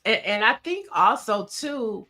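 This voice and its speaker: Bright-voiced woman co-hosting a chat show. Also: a little high, measured pace. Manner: animated, talkative, laughs often. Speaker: co-host. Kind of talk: casual chat.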